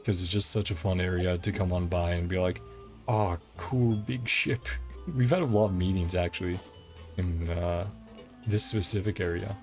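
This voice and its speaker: A game streamer with a low voice talks at a normal speed, giving rambling, chatty live commentary and chuckling often. It's casual livestream gameplay talk with game music playing behind him.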